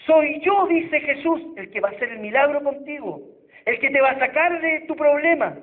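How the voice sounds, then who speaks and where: A man's voice: very high-pitched, lively intonation, a little fast. A Chilean man preaching a sermon as pastor, retelling a Bible passage and acting out the quoted voices with dramatic emphasis. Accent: Chilean Spanish. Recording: tinny phone-like church recording.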